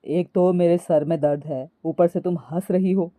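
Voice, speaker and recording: A woman voicing a young husband who speaks in a low, firm, mildly scolding way. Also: fairly even intonation, moderate pace, warm tone, no room sound, close to an everyday voice. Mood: stern. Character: young husband, patient but annoyed.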